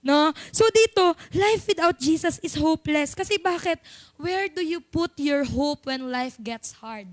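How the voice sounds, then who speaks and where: High-voiced Filipino woman preaching. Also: a little slow, dry recording. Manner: chatty, playful, mixes English into Filipino. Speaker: church speaker. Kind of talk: sermon.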